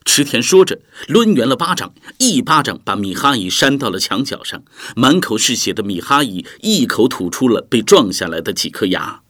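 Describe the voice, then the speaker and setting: A man narrating an audiobook in a vivid, expressive way, with music behind. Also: mid-range voice, moderate pace, few pauses. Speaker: storyteller.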